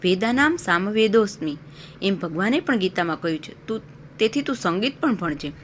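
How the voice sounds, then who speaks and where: A woman's voice: mid-range voice, lively intonation, normal speed, slight background noise, natural voice. Woman voicing a humble caring father. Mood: advising. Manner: gentle, advising.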